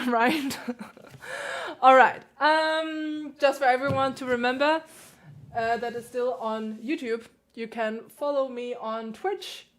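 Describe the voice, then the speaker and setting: A woman pianist hosting a casual livestream, chatting, laughing often and answering questions from chat. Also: fairly high pitch.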